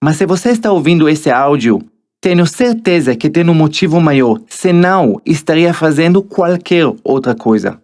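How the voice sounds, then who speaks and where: A man's voice: a little high, lively intonation, moderate pace, a little mellow. Israeli man narrating his motivational audiobook. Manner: motivational, addresses the listener directly. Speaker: author narrating his own book.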